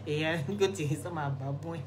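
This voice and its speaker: Her voice is on the low side, and the background is noisy. She's a woman hosting a casual live stream on her phone to sell skin products, answering viewer comments in a chatty, teasing way and laughing often.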